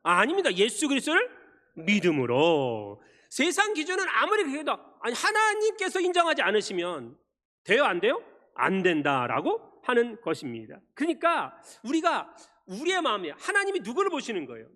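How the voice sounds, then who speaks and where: A male pastor preaching a Sunday sermon, firing rhetorical questions at the congregation and swinging between loud emphasis and quiet asides. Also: very high-pitched, wildly swooping pitch, brisk. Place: church sanctuary. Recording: long church reverb.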